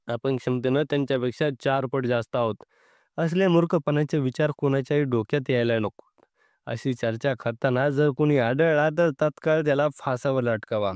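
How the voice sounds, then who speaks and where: Storybook general, arrogant and angry, barking orders, read by a male narrator in a smooth, dry voice. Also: mid-range voice, moderate pace, a little mellow, no room sound, natural voice. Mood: scornful. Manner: commanding, scornful.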